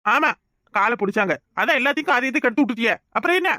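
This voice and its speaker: A voice actor playing a quick-tempered young village husband in a cartoon, bickering fast. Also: mid-range voice, expressive, sharp tone, no room sound, clean studio sound. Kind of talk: cartoon voice acting.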